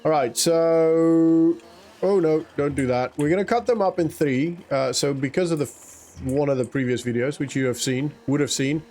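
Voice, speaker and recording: While playing a farming game, a man with Afrikaans as his first language rambles casually to himself and chuckles, delivering the kind of relaxed let's-play commentary typical of a gaming YouTuber. He speaks at a moderate pace in a mellow voice that is on the high side.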